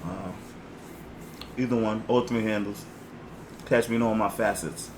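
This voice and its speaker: Casual male co-host, mid-pitched, dismissive and laid-back, with clear background noise. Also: steady tone, a little slow. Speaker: podcast co-host and basketball trainer. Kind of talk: casual debate chat. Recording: noisy podcast recording.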